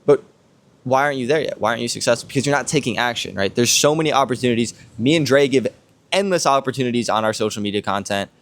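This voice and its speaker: A man's voice: mid-range voice, rapid-fire. Man coaxing listeners in casual podcast talk. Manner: rhetorical questions, tags points with "right?". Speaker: podcast co-host. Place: outdoors on a villa balcony.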